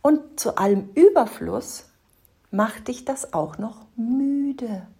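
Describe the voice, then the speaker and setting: A woman coach talking straight to the listener, giving advice in an emphatic way and often dropping into breathy half-whispers. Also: fairly high pitch, expressive, slow pace, mellow. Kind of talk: direct advice talk to the listener.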